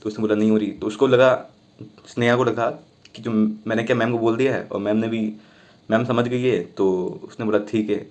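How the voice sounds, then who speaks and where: A young man casually retelling a school story from his childhood, chatty and animated, voicing the people in it as he goes. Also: medium pitch, a little fast.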